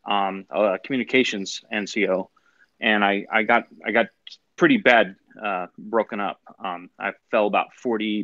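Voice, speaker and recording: Forties guy on a group call, lowish voice, lots of ums, dull dry sound. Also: a bit bright, dry recording. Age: 40s. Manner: halting, many ums and restarts. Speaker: caller. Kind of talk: casual group call chat. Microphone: phone.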